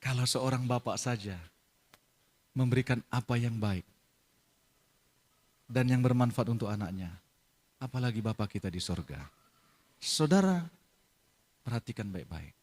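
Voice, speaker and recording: A middle-aged man preaching a sermon as pastor, moving from soft, confiding storytelling to loud, emphatic proclamation. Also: medium pitch, lively intonation, measured pace, long pauses.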